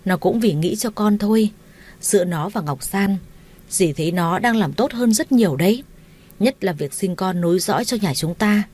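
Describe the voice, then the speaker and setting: A woman's voice: mid-range voice, animated, normal speed, a little mellow, lightly acted. Brief: woman narrator doing a meddling stepmother, nagging and wailing, story reading. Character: shrill meddling stepmother, middle-aged, quarrelsome.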